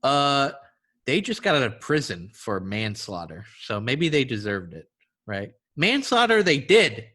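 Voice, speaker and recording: A man co-hosting a comedy podcast, riffing in an animated, playful way. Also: medium pitch, a little slow, breathy edge. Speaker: podcast co-host. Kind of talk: casual comedic chat.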